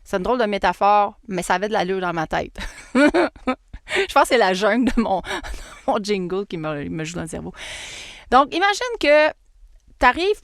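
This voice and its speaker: A woman with a Québécois accent, hosting a casual solo podcast in a chatty, animated way and laughing at herself. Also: medium pitch, no echo, studio quality. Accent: Québécois French. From Quebec. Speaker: podcast host and marketing coach.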